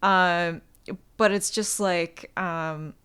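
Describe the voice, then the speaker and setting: This woman co-hosts a chatty podcast. Her voice sits a bit low and sounds smooth and resonant. She wanders through her thoughts with lots of fillers and trailing sentences. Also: steady tone, very slow, a bit bright. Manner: filler-heavy, trailing, gossipy. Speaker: podcast co-host. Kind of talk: casual chat.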